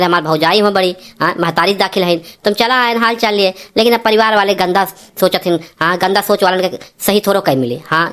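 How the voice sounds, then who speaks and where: A woman's voice: lowish voice, fairly bright tone, lightly acted. A woman voicing a courteous young man visiting his sister-in-law in a cartoon. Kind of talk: cartoon voice acting.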